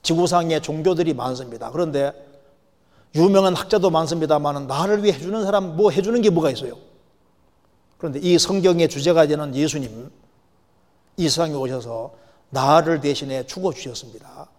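A man preaching a sermon as a pastor, emphatic, slowing down and getting louder on key phrases. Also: a little high. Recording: long hall reverb.

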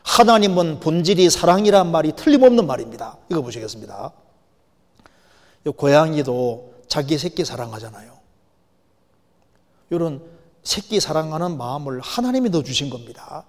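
A man preaching a sermon as a pastor, emphatic, slowing down and getting louder on key phrases. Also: on the high side, lively intonation. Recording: long hall reverb.

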